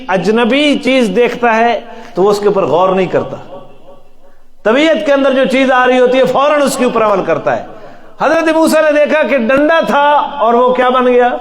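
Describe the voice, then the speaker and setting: A middle-aged male preacher in a mosque, teaching a Quran lesson with a Pakistani Urdu accent. He swings from loud, emphatic calls to soft, low asides, chants Arabic verses slowly and puts questions to his listeners.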